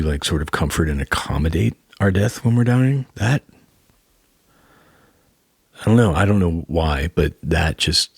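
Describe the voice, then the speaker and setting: A man hosting a reflective conversation, speaking in a thoughtful, deliberate and halting way. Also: deep voice, husky, no room sound, clean studio sound. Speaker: host. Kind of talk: reflective interview and casual musing.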